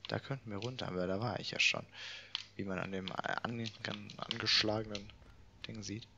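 A man's voice: on the low side, steady tone, normal speed, vocal fry, lo-fi sound, noisy background. A man casually commenting while playing a game, chatty and muttering to himself. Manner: chatty, muttering, swears and laughs. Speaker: let's play gamer.

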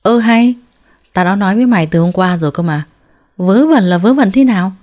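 A woman voicing a harsh, domineering older mother-in-law who talks loud and scolding, with a mellow tone. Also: medium pitch, expressive, brisk, close to an everyday voice.

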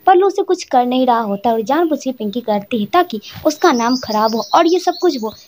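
A woman's voice: high-pitched, lively intonation, a little fast, a little mellow. A woman casually retelling a drama's plot, reading every character's lines herself. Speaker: drama recap narrator. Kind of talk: casual storytelling recap.

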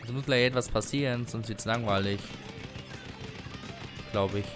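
A man giving casual commentary while playing an online shooter, excitable, humming and swearing at times. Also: mid-range voice, normal speed, over music. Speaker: gaming livestreamer.

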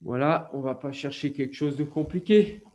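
A man with a French accent leading a yoga class over a video call, giving slow, calm instructions with breathing cues. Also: on the high side. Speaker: yoga teacher.

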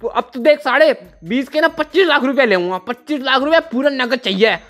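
A young man with a Haryanvi accent, shouting abusively in a staged phone argument at home during a prank. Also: very high voice, fairly quick.

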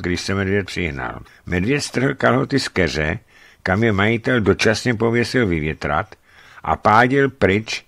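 A man narrating a memoir aloud, telling it in a lively storytelling manner. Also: low-pitched, no echo.

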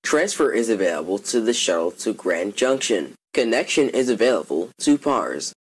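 A man's voice: lowish voice, sing-song, normal speed, slightly rough, rough recording. A man reading scripted subway station announcements in clipped, formal phrases, like an automated system.

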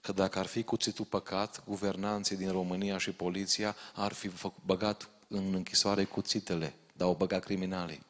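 Male preacher with a low, deep voice, urgent and warning, recorded in a reverberant church hall. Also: level tone, hardly any pauses. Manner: urgent, direct warnings to the congregation. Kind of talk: sermon.

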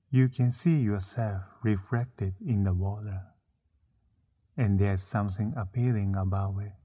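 Slow, deep, mellow male meditation guide. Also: breathy edge. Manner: soothing, unhurried delivery with frequent pauses.

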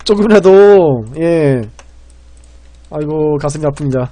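A man streaming and commentating a game, rambling and excitable, swinging between loud panic and quiet muttering. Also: on the high side, moderate pace, no room sound.

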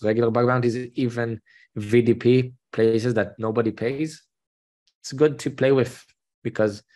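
A man's voice: fairly low pitch, darkish tone. A man with an Israeli accent, a panelist on a video call, explaining plainly and earnestly in casual chat. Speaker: panelist, bug bounty hunter.

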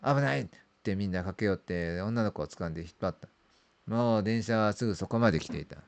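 Deep-voiced man telling a creepy ghost story. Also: slight background noise. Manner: creepy storytelling with drawn-out words, repeated phrases and trailing sentence ends. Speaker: amateur ghost story teller. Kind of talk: spooky ghost story narration imitating a veteran storyteller. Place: small dark room indoors.

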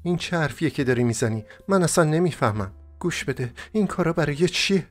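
A man's voice: lively intonation, faint music behind. A man voicing a young, emotional, heartbroken woman in an audiobook, pleading and tearful. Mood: bewildered. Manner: high-pitched, pleading, tearful.

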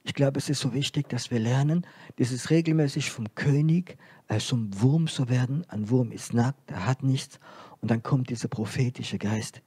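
Hushed and urgent male preacher, husky tone. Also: mid-range voice, normal speed, no echo. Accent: French. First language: French. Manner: swings from hushed, near-whispered lines to loud emphatic repetition. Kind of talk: sermon.

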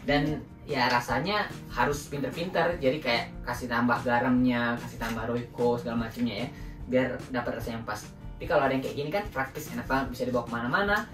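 A man's voice: mid-range voice, fast talker. A young man from Indonesia hosting a casual home vlog, chatting to his viewers and often calling them guys. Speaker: vlog host. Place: small room at home, indoors. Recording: roomy, distant sound with background music.

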